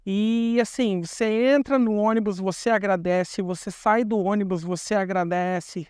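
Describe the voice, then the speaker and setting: A man's voice: high-pitched, fairly even intonation, normal speed, darkish tone, clean tone, dry recording, studio quality. A young Brazilian man with a Brazilian Portuguese accent, explaining things in a chatty vlog and repeating words for emphasis. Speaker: vlogger.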